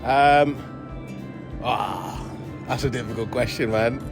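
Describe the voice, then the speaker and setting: Music plays behind this young man as he chats casually in an interview, speaking slowly at a medium pitch. A comedian guest with a mixed London English accent, he comes from France but grew up in Portugal and London, and he laughs and uses plenty of fillers.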